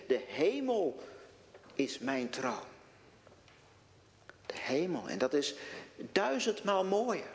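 A man preaching a sermon in a church, slow and deliberate, posing rhetorical questions to his congregation. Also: high voice. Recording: long reverb of a church hall.

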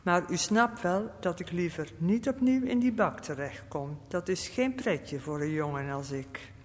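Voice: medium pitch, animated, measured pace, natural voice. Storyteller reading an unsure young man fresh out of prison, wistful, reverberant sound. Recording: long reverb.

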